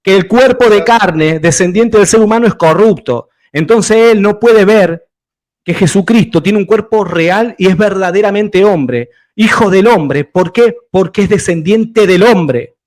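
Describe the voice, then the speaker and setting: A man's voice: sits high, a little slow, a little mellow. Insistent lecturing man in heated debate. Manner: insistent, lecturing, interrupts often.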